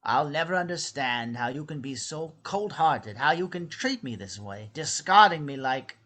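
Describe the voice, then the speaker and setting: An actor playing a suspicious, self-pitying old evil scientist in a script read-through, imperious and guilt-tripping. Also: male voice, fairly high pitch, lively intonation, normal speed, sharp tone. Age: older.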